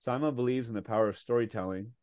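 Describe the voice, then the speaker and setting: A podcast host reads a guest introduction, then slips into casual interview chat, eager and enthusiastic with plenty of fillers. His voice is medium-pitched, a little mellow and dry of echo, and he talks fast.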